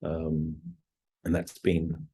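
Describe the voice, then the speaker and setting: Speaking extremely slowly in a mellow voice, a man in his forties guests as a startup CEO. He answers interview questions in a hesitant, reflective way, often restarting and filling pauses.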